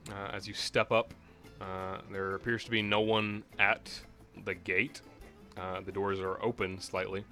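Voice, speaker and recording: Guy running a tabletop game, lowish forceful voice, describing scenes casually, bit of guitar playing behind. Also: flat delivery, unhurried. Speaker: game master. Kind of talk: improvised tabletop game narration. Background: guitar music.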